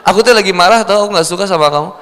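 A man's voice: high-pitched, very fast, a bit bright, clear, resonant tone, voice pushed down. A man with a Sundanese accent voicing a nagging young wife who scolds her husband in a whiny voice. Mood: sulky. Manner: whiny, scolding, listing complaints. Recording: long hall reverb.

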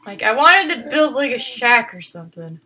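A woman giving casual game commentary, swinging from panicked shrieks and swearing to low muttering. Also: sing-song, normal speed, sharp tone. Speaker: gaming video host.

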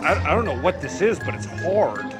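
A man in his forties hosts a casual food challenge vlog on a busy outdoor street with music behind him, recorded on a clip-on lapel mic. His voice is a little high and sing-song at a moderate pace, and he's exclamatory yet hesitant.

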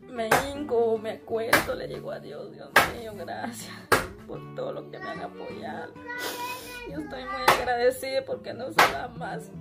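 A young woman with a Guatemalan accent telling her hardships in an interview, tearful and often quoting her conversations with her children. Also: high voice. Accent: Guatemalan Spanish. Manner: tearful, retells conversations in quoted speech. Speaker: interviewee, struggling mother. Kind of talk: emotional personal account. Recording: loud music underneath.

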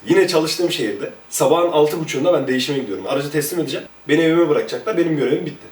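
A man, a former police officer, telling casual stories about his time on duty in a lively, chatty way. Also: on the high side, rapid-fire, reverberant, distant mic. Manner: lively, chatty, jumps between anecdotes. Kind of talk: casual anecdotal storytelling.

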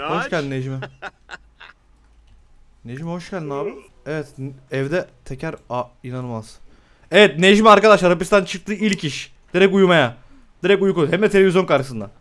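A young man giving excitable live commentary on a game, swearing often and laughing a lot. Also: a little high, normal speed. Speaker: gameplay streamer.

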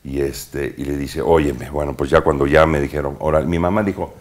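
A man with a Mexican accent and an extremely deep, low-pitched voice speaks as a guest in a relaxed interview. He is an actor who recounts his past in lively anecdotes, peppering them with slang and punchy sound words. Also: brisk. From Mexico, Veracruz. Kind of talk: casual interview storytelling.

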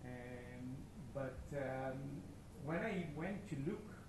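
Israeli founder, mid-age, hesitant and filler-heavy; handheld mic in a large noisy open-plan room. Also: male voice, mid-range voice, expressive. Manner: halting, many fillers, non-native phrasing. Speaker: startup founder presenting. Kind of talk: meetup talk. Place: large open-plan office event space. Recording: echoey room with background noise.

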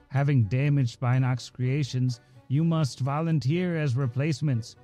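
A man's voice: on the high side, warm tone, pitched above the performer's own voice, natural voice. A man voicing a towering, imperious robot overlord with a grating metallic voice, pompous and commanding, talking about itself in the third person. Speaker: game master.

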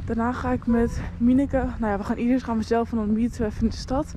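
A woman's voice: on the high side, fairly even intonation, quick pace, background noise. A young woman in her late teens, chatting upbeat and enthusiastic to a handheld phone camera in a family vlog. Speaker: family vlogger. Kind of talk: casual vlog chat to camera.

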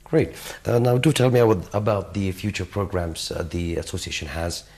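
Middle-aged tv host, low gravelly voice, asks stuff with lots of um and uh. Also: male voice, normal speed, darkish tone. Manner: hesitant questions with fillers. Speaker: TV interviewer, host. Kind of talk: studio interview questions. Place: TV studio, seated at a desk.

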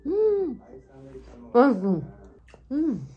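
A woman's voice: sits high, huge pitch swings, drawn-out words, lo-fi sound, faint music behind. A woman vlogging casually while eating, talking with her mouth full of bread and humming between bites. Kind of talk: casual food vlog chat.

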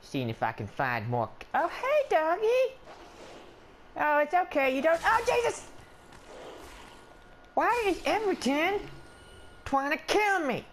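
A man's voice: very high-pitched, huge pitch swings, unhurried, a little hiss or hum, full character voice. A man voicing a skittish, whiny little male adventurer in let's play commentary, rambling and stammering, yelping whenever something attacks. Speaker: gameplay commentator.

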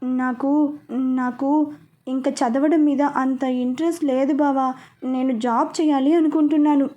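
A pouting young woman who teases and grumbles at the people close to her, as a woman storyteller reads her part. The voice is high and mellow, in a spoken audio story. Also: steady tone, unhurried, highs cut off. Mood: sulky. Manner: pouting, teasing. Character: sulky, playful young woman.

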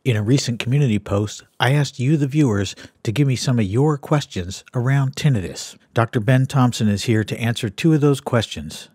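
A man hosting a channel, introducing a guest and reading viewer questions in a calm, plain, scripted way. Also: mid-range voice, normal speed, few pauses, husky, no room sound, studio quality. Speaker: channel host.

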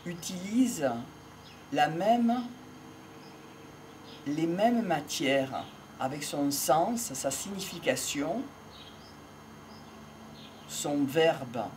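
An older man speaking slowly and reflectively to camera with a handheld mic, seated outdoors in a country field, with faint birdsong behind. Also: fairly high pitch, slight background noise. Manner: measured, pausing often, philosophical. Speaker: speaker on voice and communication. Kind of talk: slow reflective monologue to camera. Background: faint outdoor ambience with birds.

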